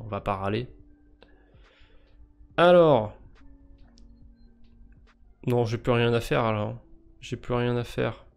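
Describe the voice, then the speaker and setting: A man with a French accent and a creaky, mid-range voice streams live, casually remarking on crypto quests. He thinks out loud, cracking jokes and poking fun at himself.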